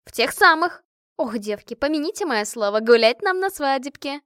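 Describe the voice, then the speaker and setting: A woman voicing a brash, hot-tempered young woman who talks loudly and indignantly with rough slang. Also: sits high, expressive, moderate pace, no room sound, clean studio sound, voice pushed up.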